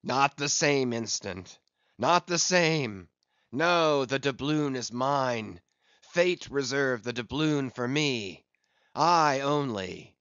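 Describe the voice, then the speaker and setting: A man voicing a fierce, obsessed old whaling captain in an audiobook, with commanding, long-drawn shouts. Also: medium pitch, expressive, slow, smooth, no room sound, dull audio. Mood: fierce, possessive. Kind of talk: audiobook character acting.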